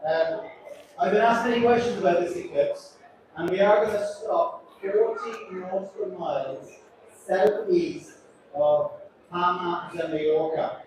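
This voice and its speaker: An Irish cruise ship captain with a high, slightly slow voice makes a chatty, joking announcement to passengers, poking fun at himself. He's in a large, echoey atrium aboard the ship, picked up from a distance with crowd noise around him.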